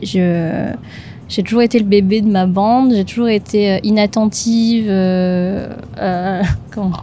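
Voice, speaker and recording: A woman's voice: mid-range voice, mellow, a little hiss or hum. A woman in her twenties from Madagascar, speaking as an interview guest, hesitant with many fillers and restarts. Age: 20s. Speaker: podcast guest. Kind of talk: casual interview talk.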